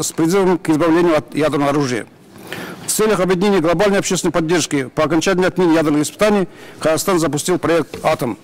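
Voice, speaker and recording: A man from Kazakhstan giving a formal prepared speech as a parliamentary delegate in an assembly hall. He reads in an official tone and clears his throat now and then. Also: on the high side.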